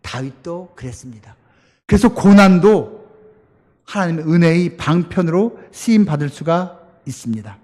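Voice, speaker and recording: A man's voice: on the high side, lively intonation, normal speed, darkish tone. A male pastor preaching a sermon in a church, storytelling with animation and acting out voices. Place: church sanctuary. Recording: long church hall reverb.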